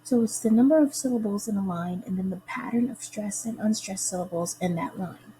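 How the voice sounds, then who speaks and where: Young woman, student presenter, explanatory lesson, mellow warm tone, careful deliberate delivery, faint hum behind. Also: medium pitch, poor audio. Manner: careful, slows down to sound out stress patterns.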